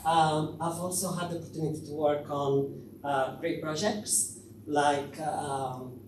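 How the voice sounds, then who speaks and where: A man from Spain gives a conference talk, hesitating often with filler sounds. His voice sits a little high and reaches us from a distance. The hall rings with heavy echo and steady background noise. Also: measured pace. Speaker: conference speaker. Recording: echoey hall, distant mic, noisy.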